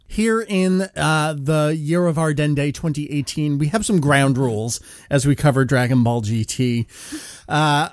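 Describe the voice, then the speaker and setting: Man, podcast host, slightly high voice, upbeat, jokey, lots of uh fillers, dry close mic. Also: darkish tone, no room sound. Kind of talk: casual podcast chat.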